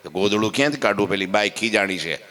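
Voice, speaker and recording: A man telling a devotional story in a sermon, animated, acting out the voices of the people in it. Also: lowish voice, quick pace, long reverb tail. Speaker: katha preacher.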